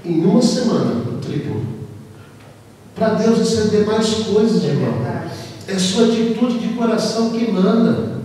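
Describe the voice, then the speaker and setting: A high-pitched Brazilian man preaches with passion, his voice bouncing around a big reverberant church hall. He swings between loud calls to repentance and hushed, conversational asides, and sometimes acts out the people in his stories. He stands well back from the microphone, with a faint hiss under the recording. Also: big pitch swings, a little slow. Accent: Brazilian Portuguese. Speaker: pastor. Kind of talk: sermon. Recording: echoey hall, distant mic, faint noise.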